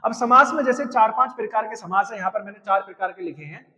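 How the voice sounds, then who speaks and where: With a fast, forceful delivery and a bright, high-sitting voice, this young man runs an energetic exam-prep lesson on Hindi grammar. He coaxes and pushes his students, tacking "है ना" and "भाई साहब" onto his lines. Long reverb hangs over the dull, lo-fi recording.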